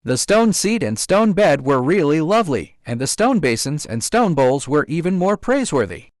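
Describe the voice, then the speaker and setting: Lively-voiced male storybook narrator. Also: on the high side, normal speed, dry recording, clean studio sound.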